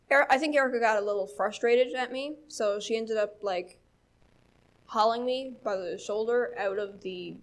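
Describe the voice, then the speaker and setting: A young woman with a Newfoundland accent telling a story at church, chatty, with lots of fillers and laughs. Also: mid-range voice. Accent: Newfoundland English. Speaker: church speaker. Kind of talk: casual storytelling talk.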